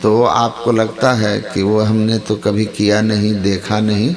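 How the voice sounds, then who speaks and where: A man who is a spiritual teacher, answering questions in a measured, explanatory way. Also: on the low side, completely flat delivery, a crowd in the background. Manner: measured, explanatory, drawn-out phrases. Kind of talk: spiritual discourse, explaining calmly.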